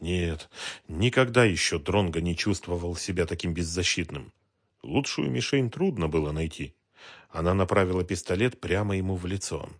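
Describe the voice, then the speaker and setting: A man reading an audiobook, narrating a tense scene in a measured, dramatic way. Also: deep voice. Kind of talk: scripted narration.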